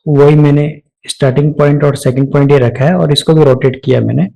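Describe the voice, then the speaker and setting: A man with an Indian accent narrates a step-by-step software tutorial, explaining each action aloud like an instructor. His voice is fairly high, gravelly, fairly quick and fairly even in intonation, and the recording is rough.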